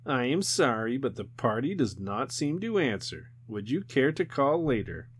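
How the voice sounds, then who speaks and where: A man's voice: medium pitch, sing-song, moderate pace, slightly rough. Man doing a sing-song telephone operator. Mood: polite. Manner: sing-songy, formal.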